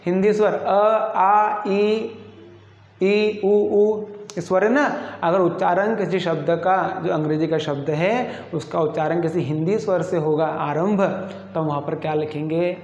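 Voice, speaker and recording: A man's voice: high voice, fairly even intonation, unhurried, a little mellow. A man teaching an English lesson who keeps asking the class questions and then answering them himself. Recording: echoey, muffled room recording.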